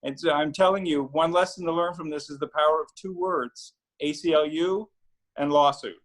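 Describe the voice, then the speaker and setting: A middle-aged man, an attorney, telling a story on a video call panel in a relaxed way with many fillers and restarts. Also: fairly high pitch, moderate pace, low-quality recording. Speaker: attorney and newspaper founder.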